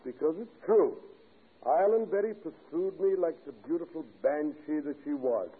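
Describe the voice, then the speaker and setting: An actor playing a droll professor in an old radio drama, theatrical and insinuating. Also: male voice, on the high side, moderate pace, slightly rough, narrow, tinny audio. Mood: droll teasing. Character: droll, needling professor who believes in ghosts. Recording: noisy, band-limited old radio recording.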